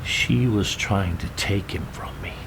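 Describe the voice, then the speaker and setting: An actor playing a bitter, unrepentant killer inmate in a thriller film, intense, haunted and self-justifying. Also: male voice, low-pitched, unhurried, in a whisper, low-quality recording. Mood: bitter, defiant. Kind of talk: psychological thriller film acting. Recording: clear noise over film dialogue.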